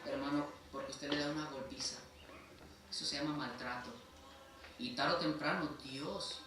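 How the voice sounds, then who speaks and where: A man with a Mexican accent preaching a sermon as pastor, emphatic and repeatedly calling his listeners brother. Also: medium pitch. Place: church sanctuary. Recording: echoey church hall from far off, faint noise.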